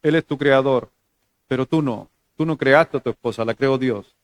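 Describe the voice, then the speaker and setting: A man with a Chilean Spanish accent, a pastor preaching a sermon in a conversational way, joking and moving between loud emphasis and soft, low asides. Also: moderate pace, clear, resonant tone, dry recording.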